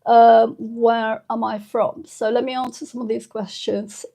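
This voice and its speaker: This woman in her fifties from the UK runs a casual live stream, her voice fairly high, gravelly, and level in tone. She sounds emotional and close to tears, speaking quietly and haltingly with frequent pauses and fillers.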